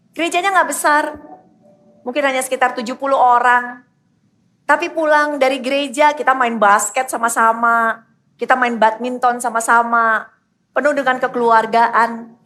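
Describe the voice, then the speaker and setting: A woman's voice: sits high, fairly bright tone. A woman pastor with an Indonesian accent preaching a youth sermon, telling a personal story in an emphatic way and repeating her phrases. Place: church hall in a mall.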